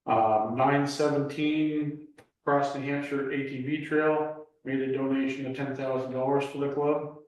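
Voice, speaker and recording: A man's voice: mid-range voice, steady tone, darkish tone. Man reading figures in an echoey room. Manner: slow, halting reading of figures with many fillers. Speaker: club treasurer and trail master. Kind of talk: meeting report. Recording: echoey room, mic far off.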